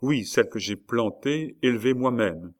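A man's voice: medium pitch, animated, moderate pace, lightly acted. Brief: man doing a bold young tulip grower, pleading and insistent, audiobook reading.

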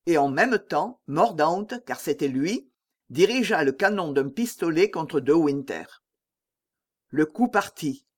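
Man narrating an audiobook with steady drama. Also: on the high side, measured pace. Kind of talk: scripted narration.

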